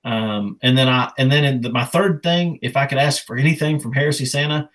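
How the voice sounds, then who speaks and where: A man's voice: medium pitch, a little fast, a bit bright, rough recording. A man chatting casually on a podcast, enthusiastic and rambling, swearing freely. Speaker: podcast co-host.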